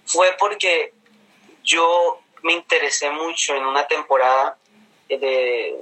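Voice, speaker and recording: Bright-voiced man, mild coastal Colombian accent. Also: fairly high pitch, fairly even intonation, takes it slowly, low-quality recording. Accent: neutral coastal Colombian with a touch of inland. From Colombia, Caribbean coast. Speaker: interview guest. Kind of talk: casual conversational storytelling.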